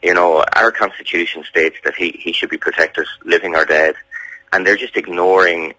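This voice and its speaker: An Irish man being interviewed on the radio, speaking insistently in a halting way with repeated words. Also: deep voice, pushed and bright, dry recording, rough recording. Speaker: campaigner interviewed about a family member's case.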